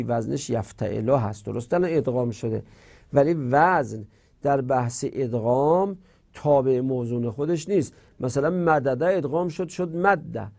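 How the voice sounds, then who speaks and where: A male teacher giving a grammar lecture, reciting verb forms in slow drills and posing rhetorical questions. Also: mid-range voice, dark tone.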